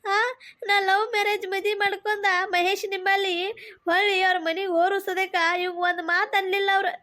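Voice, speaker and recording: A woman's voice: extremely high pitch, little pitch movement, fairly quick, pushed and bright. A woman with a Belagavi Kannada accent voicing a young, aggrieved daughter-in-law who complains tearfully in a cartoon comedy. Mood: complaining.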